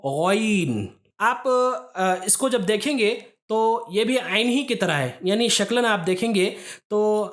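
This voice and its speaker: A woman teaching a recitation lesson in a patient, methodical way. Her voice sits at a middle pitch. She walks students through each letter and often stops to check they are keeping up. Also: unhurried, hardly any pauses. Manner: patient, step-by-step explaining with frequent "theek hai" checks.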